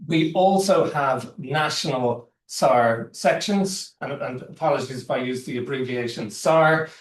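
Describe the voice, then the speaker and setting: A man gives formal opening remarks as an event host, speaking carefully and somewhat haltingly. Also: medium pitch. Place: indoor university event room with online audience. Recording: echoey room, distant microphone.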